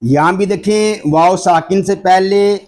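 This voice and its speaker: A man teaching Quran reading, spelling out letters and vowel marks slowly and patiently explaining each rule again and again. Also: sits high, darkish tone. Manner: repeats the rules deliberately for memorization. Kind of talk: slow, drawn-out recitation lesson.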